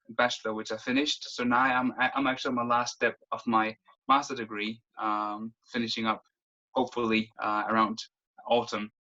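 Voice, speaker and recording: A man in his twenties from Denmark, an interview guest talking casually, quick and full of restarts. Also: medium pitch, pushed and bright, muffled recording. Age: 20s. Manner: quick, lots of restarts and fillers. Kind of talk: casual conversation.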